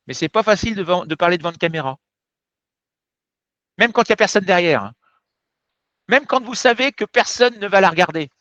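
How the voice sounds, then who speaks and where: A male French teacher giving an explanatory lesson, direct and emphatic as he talks straight to his viewers. His voice sits high and swings widely in pitch. The recording is dry and a bit dull. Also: fairly bright tone, dry recording. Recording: dull, slightly muffled sound.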